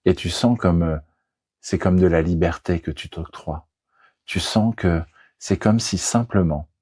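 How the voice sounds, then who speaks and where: A man leading a guided hypnosis session in a soothing, deliberate manner, as a trainer speaking into a close microphone. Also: sits low, a little mellow, breathy edge, no echo. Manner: soothing, slow, deliberate guiding delivery.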